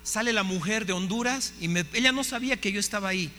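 A man, a pastor, telling a story in a sermon with lively acted-out dialogue. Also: sits high, fast talker. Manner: animated storytelling, acting out dialogue. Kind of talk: sermon testimony. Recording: hall reverb, faint hum.

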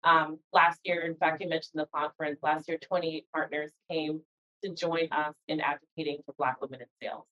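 Woman guest explaining stuff in an interview, lowish voice, kinda muffled lofi call. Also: little pitch movement, a little fast, a bit bright. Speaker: interview guest, organization founder. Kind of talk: conversational interview answers.

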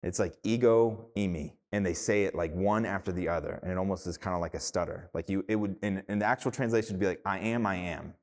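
A man's voice: deep voice, quick pace, few pauses. Casual preaching man in a reverberant hall. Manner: casual, animated preaching with many fillers. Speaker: pastor. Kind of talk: sermon.

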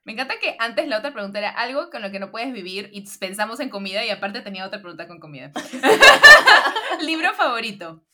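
A young woman hosting a podcast, firing quick questions in casual chat and laughing often. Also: fairly high pitch, sing-song, bright, forceful tone, slight background noise. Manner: bubbly, laughs often, fast talker. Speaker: podcast host.

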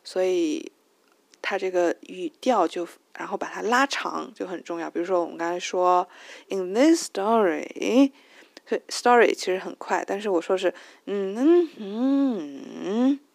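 A woman's voice: fairly low pitch, normal speed, vocal fry, dry recording. A woman with a Chinese accent, native Chinese speaker, hosting a casual spoken English lesson, thinking aloud with many fillers and restarts and singing out stressed syllables to show rhythm. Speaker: host of language tips show.

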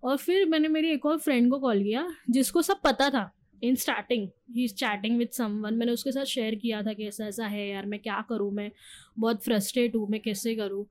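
A woman's voice: a little high, steady tone, normal speed. Emotional young woman telling her story. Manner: emotional, mixes English into Hindi, acts out quotes. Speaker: podcast guest. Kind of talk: candid personal storytelling.

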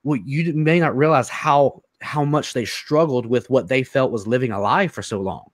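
Earnest halting man, dry close sound. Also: mid-range voice, no echo. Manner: earnest, halting, repeats words often. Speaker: interview guest. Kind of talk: personal testimony in an interview.

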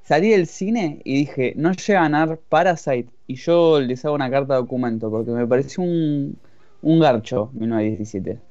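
A man's voice: medium pitch, normal speed, dark tone, dry recording. A man with an Argentine accent, a guest on a casual podcast, talking in a laid-back, jokey way. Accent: Argentine Spanish. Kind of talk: casual chat. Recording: dull lo-fi dry audio, faint music.

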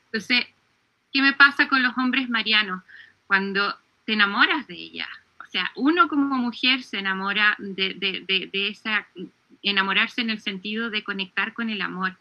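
Sharp-voiced woman telling a story. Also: medium pitch, moderate pace, highs cut off. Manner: earnest, with frequent hesitations and restarts. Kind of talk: devotional storytelling in conversation.

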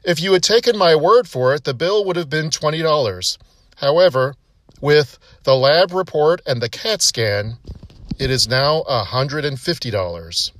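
A man voicing a patient, matter-of-fact veterinarian who apologises in a deadpan way. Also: on the high side, normal speed.

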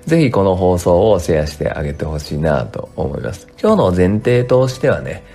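A man who works as a tax accountant talks casually on his own podcast from his home work room, using a home studio mic. His low-pitched voice is creaky and mellow, very animated at normal speed, yet dry and strained in the morning, and he wanders along with lots of fillers.

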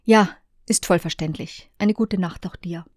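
A woman reading the messages of a married woman, soft and reflective. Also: lowish voice, measured pace, no room sound, clean studio sound. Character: Kaja, a searching married woman.

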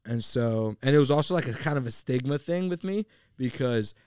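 A man's voice: mid-range voice, moderate pace, a little mellow, no room sound, clean studio sound. A man guesting on a podcast, chatting casually and rambling with lots of fillers. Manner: laid-back, rambling with many fillers.

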